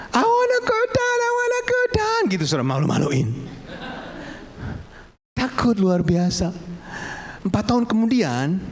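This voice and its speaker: Lively male pastor preaching. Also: a little high. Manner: storytelling, addresses the congregation as "saudara". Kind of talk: sermon.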